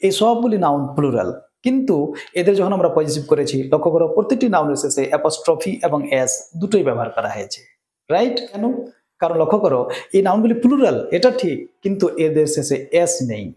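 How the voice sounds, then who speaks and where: Man, high voice, quick, mellow tone, grammar teacher, echoey room. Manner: asks students rhetorical check-in questions. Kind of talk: explaining grammar rules to students.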